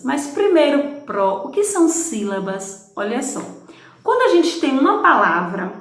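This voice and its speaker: A woman teacher talks to young children in a slow, patient way, her fairly high voice rising and falling in a lively sing-song. She asks questions and answers them herself, stretching syllables apart one by one. The room around her rings with a strong, hollow echo. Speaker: primary school teacher. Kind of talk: recorded lesson for young children. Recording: very echoey room.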